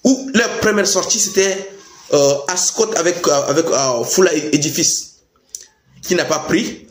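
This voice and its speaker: A man's voice: on the high side, animated, a little slow. A man gives impassioned, informal political commentary, emphatic and repeating phrases for stress. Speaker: political commentator addressing youth. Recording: echoey room.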